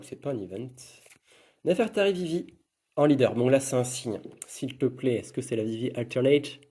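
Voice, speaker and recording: A man's voice: medium pitch, warm tone. A man giving casual running commentary while opening trading card packs, murmuring card names one after another.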